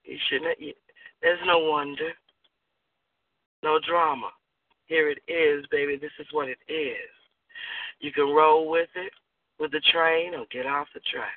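A woman talking slowly and teasingly in a flirty late-night radio chat. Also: deep voice, steady tone, distant mic. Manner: slow, sultry, teasing. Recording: faraway tinny phone sound.

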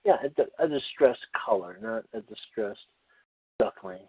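A man rambling through a humorous casual chat, wry and halting, often cutting himself off mid-thought. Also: on the low side, animated, slightly rough, no room sound, phone-quality sound. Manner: halting, self-interrupting, wry.

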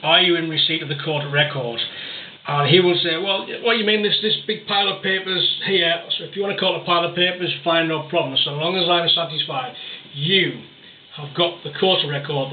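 A man as a guest on a call, talking through a speakerphone and telling his story in a rambling, casual way, often tagging on "right?". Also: a little high. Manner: rambling, keeps adding "right?". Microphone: webcam microphone. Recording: echoey, distant, tinny call with hiss.

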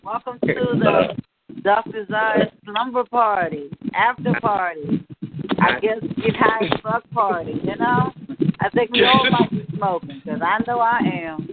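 A man with a high, animated voice chats playfully and slangily. The phone line is thin and very noisy. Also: unhurried. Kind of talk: casual group phone chat.

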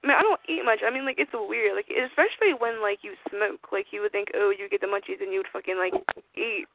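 A woman's voice: medium pitch, fast talker. A woman chatting casually on a group phone call, rambling and swearing freely. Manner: profane, rambling. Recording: tinny narrow phone line.

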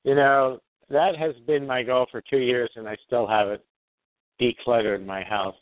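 A man's voice: medium pitch, fairly even intonation, moderate pace, slight background noise. A man chatting on a group call in a wry, sarcastic manner. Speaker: call participant. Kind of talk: casual group call chat. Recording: tinny phone line.

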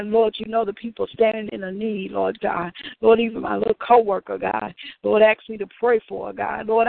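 A man's voice: high-pitched, no room sound. A man leading a fervent spoken prayer, saying "Lord God" between each phrase. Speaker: prayer leader. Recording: tinny phone line, dry.

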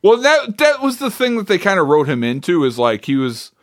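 A man's voice: high-pitched, fairly quick. A man co-hosting a podcast, arguing his side in a casual debate chat and swearing freely. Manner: animated, argumentative, swears casually. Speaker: podcast co-host.

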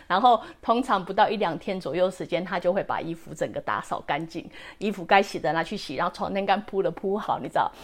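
A woman's voice: fairly low pitch, fast talker, few pauses. Chatty woman podcast host giving advice. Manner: chatty, often asks the listener "you know?" and drops in English words. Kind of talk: casual advice talk.

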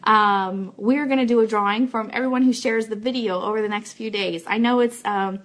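At normal speed and in a steady tone, a woman with a slightly high voice hosts a fan live show from an office. She speaks informally to viewers, making announcements and thanking them.

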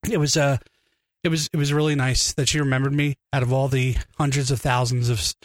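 A man's voice: mid-range voice, level tone, brisk, no echo. A man telling a story as podcast co-host, rambling and self-deprecating, choked up with emotion. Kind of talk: casual storytelling.

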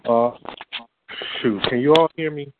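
A man leading a church group's conference call over the phone, talking haltingly with many fillers and restarts. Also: mid-range voice, noisy background. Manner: hesitant, full of fillers and restarts. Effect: heard over a phone line. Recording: tinny dry phone line.

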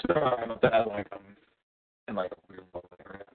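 A man's voice: lowish voice, brisk, phone-quality sound. A man chatting casually about sports over a call whose audio warbles and wobbles, often saying "like". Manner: casual, fills with "like". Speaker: call-in co-host. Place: a spot with poor signal. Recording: thin warbling call line, dry.

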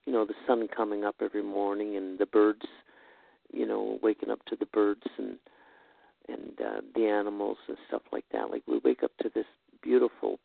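A man chatting casually and earnestly, in a halting, thoughtful way. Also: lowish voice, vocal fry, dry recording. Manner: halting, earnest, says "eh" and "you know". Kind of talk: casual heartfelt chat about faith. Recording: tinny phone-line sound.

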